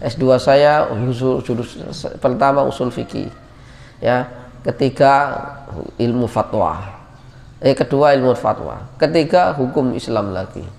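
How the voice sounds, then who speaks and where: A man teaching as a boarding school ustadz in a casual religious lecture, lively and teasing, loudly calling out students' names. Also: mid-range voice, a little slow, gravelly. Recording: long reverb.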